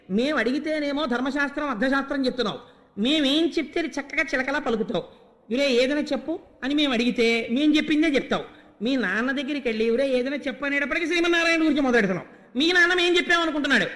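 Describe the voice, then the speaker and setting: A frightened teacher nervously scolds a young pupil, voiced by a preacher in the middle of his story, with a very high, urgent delivery. A long hall reverb trails after each phrase. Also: fairly bright tone. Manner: anxious scolding.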